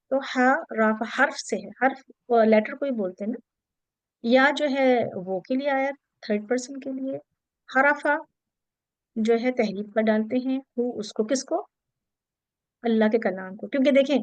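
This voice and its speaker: Woman teacher with a high, dry voice. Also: dry recording. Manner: explanatory, checks in often with listeners; mixes English terms into her sentences. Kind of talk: interactive class lecture.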